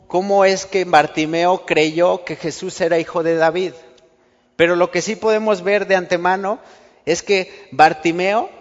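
A man preaches a sermon. He keeps it conversational and acts out little everyday exchanges. The sound is muffled and carries a long church-hall reverb. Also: sits high. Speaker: pastor.

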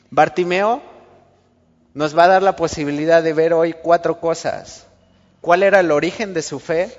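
A man's voice: a little high, big-room sound, highs cut off. A man preaching a sermon, talking in a conversational way and acting out small everyday exchanges. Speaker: pastor.

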